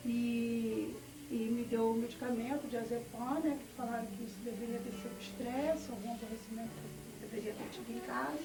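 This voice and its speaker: Middle-aged Rio woman, high voice, testimony story with dialogue; recorded from afar in a reverberant hall. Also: steady tone, moderate pace. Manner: storytelling, quoting family in dialogue. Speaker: church testimony speaker. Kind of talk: personal testimony. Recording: echoey, from far off, music behind.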